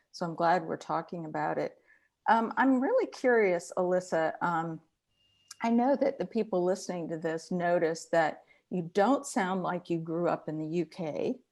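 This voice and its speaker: A woman's voice: fairly low pitch, a little mellow. A middle-aged woman, a psychologist, hosting an online interview, asking questions with enthusiasm on a video call.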